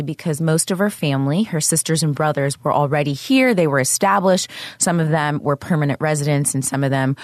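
A woman's voice: sits low, dry recording, clean studio sound. A woman from Zambia, an author and speaker, earnestly recounting her own life in an interview. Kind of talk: personal storytelling in an interview.

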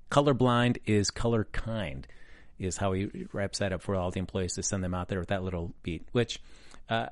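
Guy with a lowish voice rambling through an episode recap, lots of uhs, dry close mic. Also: no room sound. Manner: rambling, frequent uh's and restarts. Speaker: podcast host recapping a TV episode. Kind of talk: casual recap with filler words.

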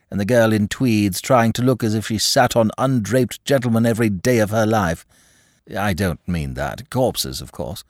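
A man voicing a chatty, gossipy elderly duchess who changes subjects in quick asides. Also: fairly low pitch, creaky, no room sound, clean studio sound.

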